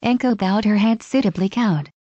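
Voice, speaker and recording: A woman narrating fan fiction in a steady, even reading. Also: medium pitch, moderate pace, no room sound, dull audio.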